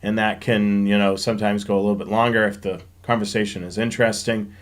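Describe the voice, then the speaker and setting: This railfanning live-show host talks fast, with a lowish voice and a flat delivery. He handles a casual live-stream question-and-answer session, chatting loosely, explaining as he responds, and reasoning aloud.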